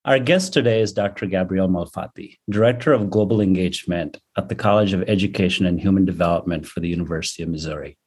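A man's voice: low voice, fast, hardly any pauses, a little mellow, husky. A man co-hosting a podcast, introducing and welcoming his guest in a friendly way. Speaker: podcast co-host.

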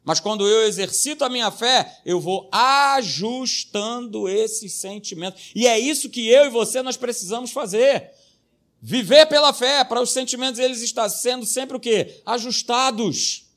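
High-voiced, emphatic pastor. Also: male voice, moderate pace, fairly bright tone. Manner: emphatic and repetitive, hammering single words, joking asides. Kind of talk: sermon.

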